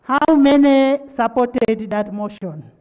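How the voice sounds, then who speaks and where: A Ugandan-accented speaker of parliament chairs a debate formally. The voice is smooth and resonant, moving slowly and with deliberate authority. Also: mid-range voice, darkish tone, muffled recording. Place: large parliament chamber.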